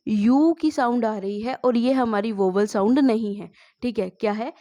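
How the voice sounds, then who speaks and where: A woman's voice: a little high, moderate pace, mellow. Woman teacher quizzing her class. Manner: asks the class questions and answers them herself. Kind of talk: spoken English lesson.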